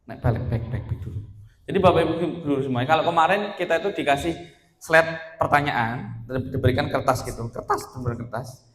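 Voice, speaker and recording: A man with a Javanese accent presenting a workshop to fellow teachers, lively and joking. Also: on the high side, a little fast. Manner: lively, jokey, mixes in local Javanese phrases. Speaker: teacher presenting a training session. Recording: echoey hall with long reverb.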